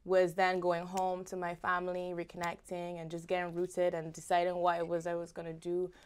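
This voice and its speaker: A woman's voice: on the low side, completely flat delivery, brisk, slight background noise. A young Barbadian woman singer from Barbados, talking expressively as a guest in a casual interview. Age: young adult.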